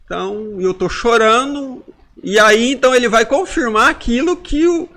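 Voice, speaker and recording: A man's voice: very high-pitched, normal speed, fairly bright tone. A man in his forties giving an emotional personal testimony as a podcast guest, acting out inner dialogues with intensity. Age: 40s.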